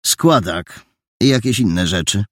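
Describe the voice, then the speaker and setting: A man's voice: fairly low pitch, lively intonation, takes it slowly, no echo, studio quality. A man doing a terse, curt painter. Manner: curt, short answers. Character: terse, reserved adult male painter.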